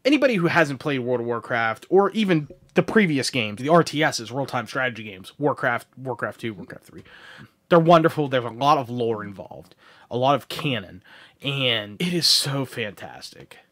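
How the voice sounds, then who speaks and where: A young man hosts a loose podcast conversation, rambling from point to point with frequent laughs and casual swearing. His voice sits at an ordinary middle pitch. The sound is dry and close, with no room around it. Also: expressive, normal speed, a bit bright, dry recording. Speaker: podcast host.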